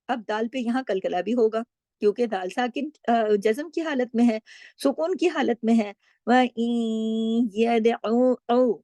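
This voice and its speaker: A woman's voice: on the high side, warm tone, no room sound. Patient woman teaching recitation rules. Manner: patient, asks and answers her own questions. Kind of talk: explaining tajweed rules, with slow recited examples.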